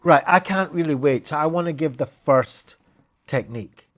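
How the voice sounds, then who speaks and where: A man's voice: a little high, moderate pace, a bit bright, muffled recording. A man, a therapist hosting a casual live stream, talking in a chatty, rambling way with frequent restarts.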